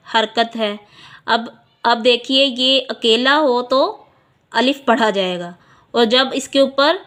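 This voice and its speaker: A woman teaching a reading lesson, who asks each question and then answers it, drawing out each sound slowly. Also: on the high side, a bit bright. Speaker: Quran teacher. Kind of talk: slow, patient teaching.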